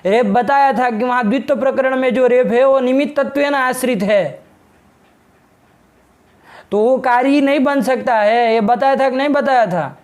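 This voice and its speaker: A middle-aged man teaching a Sanskrit grammar class online, brisk and scolding as he presses a student to state his question clearly. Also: very high-pitched.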